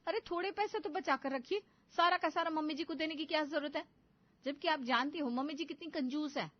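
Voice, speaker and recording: A woman voicing a sharp-tongued young wife in an animated story, who talks in a complaining, quarrelsome way. The sound is dull and lo-fi. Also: high-pitched, brisk, pitched above the performer's own voice, lightly acted. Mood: pleading.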